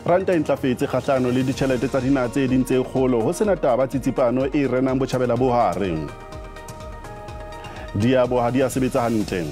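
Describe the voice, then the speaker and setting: A man's voice: medium pitch, fast talker, dark tone, faint music behind. A man with a South African Sotho accent presenting broadcast news as the anchor.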